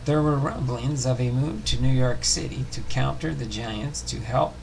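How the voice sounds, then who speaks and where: A man hosting a baseball history series reads a biography aloud haltingly, stumbling and going back over words. His voice is medium-pitched and creaky, and the background is noisy.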